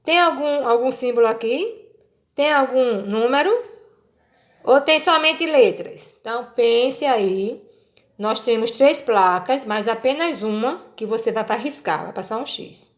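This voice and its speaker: Woman, Brazilian Portuguese accent, teacher, patient, slow syllable sounding, a bit high-pitched. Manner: patient, spells out syllables slowly. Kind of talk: explaining a school worksheet.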